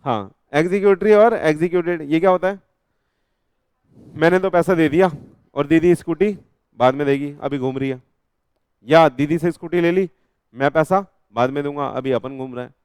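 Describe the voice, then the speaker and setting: Man, Indian accent, law teacher, quizzing and teasing students, smooth clear voice, dry close sound. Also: a little high, normal speed, pauses often, a little mellow, no room sound. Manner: mixes Hindi with English terms. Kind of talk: live classroom revision lecture.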